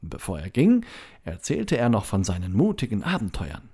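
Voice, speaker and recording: A storyteller reading a children's story aloud with slow, expressive narration. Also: mid-range voice, breathy edge.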